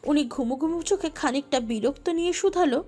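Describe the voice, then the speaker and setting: Woman storyteller, high voice, emotive scripted narration over soft music. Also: a little fast. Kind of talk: dramatic scripted narration of a romantic audio story.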